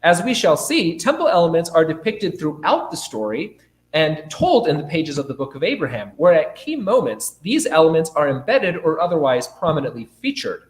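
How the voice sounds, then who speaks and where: A young male academic with a cold and cough formally reads a scholarly paper aloud as a conference speaker, keeping a measured delivery. His voice is a little high and sing-song, and the indoor conference room gives a roomy, echoing lecture-space sound.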